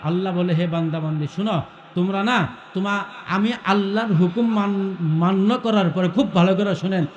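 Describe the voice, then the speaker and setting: A man's voice: sits high, moderate pace, reverberant, highs cut off. A male preacher telling a story in a sermon, calling out questions to the crowd and breaking into melodic chanting.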